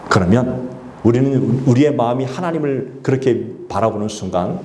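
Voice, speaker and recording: A man's voice: mid-range voice, normal speed, a little mellow, a little hiss or hum. A male pastor delivering a sermon and calling on the congregation to respond. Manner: exhorting, calls for congregation responses. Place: church sanctuary. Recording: echoey church sanctuary.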